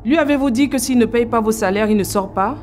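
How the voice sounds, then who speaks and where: A woman's voice: a little high, fast, darkish tone, soft background music. A woman acting as a lawyer in a comedy courtroom sketch, pleading firmly before the judge. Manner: firm, declamatory. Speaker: actor playing a lawyer.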